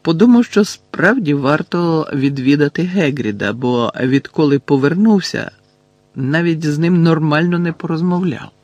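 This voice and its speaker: A man narrating an audiobook in a measured way, slowing down on dramatic lines. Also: fairly high pitch, a little mellow, no echo, highs cut off.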